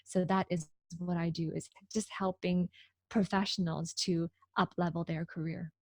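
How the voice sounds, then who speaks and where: A woman from Hong Kong, a guest on a video call interview, upbeat and quick to rephrase. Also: on the low side, level tone, no room sound. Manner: upbeat, laughs often, rephrases.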